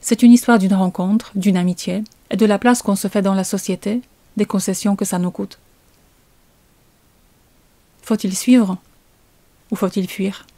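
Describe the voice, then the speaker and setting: A woman's voice: mid-range voice, steady tone, unhurried, pauses often, warm tone, no room sound. A woman, telling a suspenseful first-person story as a comic author. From Poland.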